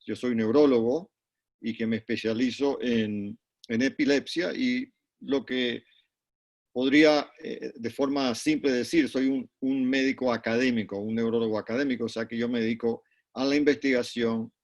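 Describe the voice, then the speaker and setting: A middle-aged man from Panama, a neurologist, answering interview questions over a video call in a measured way, with frequent restarts and repeated words. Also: mid-range voice, fairly even intonation, a little mellow. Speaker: neurologist and guest. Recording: dull lo-fi call audio.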